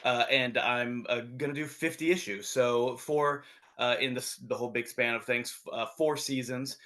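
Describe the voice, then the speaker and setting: Bright-voiced man, easygoing guest. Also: medium pitch, steady tone, moderate pace. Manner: easygoing, hedging. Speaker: comic book publisher. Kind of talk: casual interview chat.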